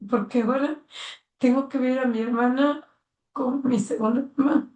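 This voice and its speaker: Una mujer mayor con acento mexicano relata con sentimiento los recuerdos de su vida, dando voz a los diálogos que recuerda. Su voz es algo aguda y suena apartada del micrófono, en una sala con eco. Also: female voice, high-pitched, steady tone, moderate pace, darkish tone. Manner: earnest and heartfelt, acting out remembered dialogue. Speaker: interviewee, mother of the interviewer. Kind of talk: personal life story told in conversation. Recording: roomy sound, mic at a distance.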